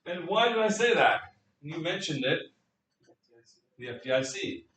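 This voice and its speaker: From a distance in an echoey classroom, a fairly high-pitched man speaks a little slowly while teaching economics. His lively storytelling includes acted-out scenes and questions aimed at the students.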